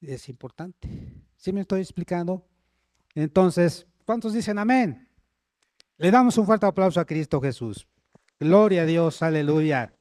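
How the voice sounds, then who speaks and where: A man's voice: high voice, a little slow, a little mellow, no room sound, clean studio sound. A man preaching a sermon, often checking in with the congregation and calling for amens.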